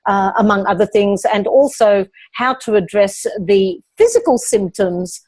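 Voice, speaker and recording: A woman hosting a live question-and-answer session as a speaking coach, explaining techniques in a calm, guiding way. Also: medium pitch, a little slow.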